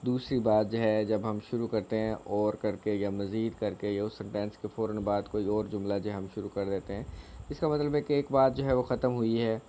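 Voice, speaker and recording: A man teaching a grammar lesson, explaining slowly with many fillers and repeated phrases. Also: on the low side, fairly even intonation, dark tone, a little hiss or hum.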